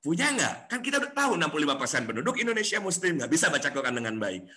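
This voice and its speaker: A man giving a coaching class, animated and acting out the people he quotes. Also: a little high, rapid-fire. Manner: animated, acts out quoted voices.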